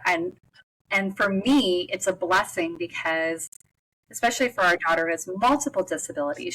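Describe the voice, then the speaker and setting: A woman's voice: fairly low pitch, pushed and bright, poor audio. A woman, talking earnestly and reflectively as a guest in a casual roundtable conversation. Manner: earnest, reflective, faith-centered. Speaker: guest, mother and advocate.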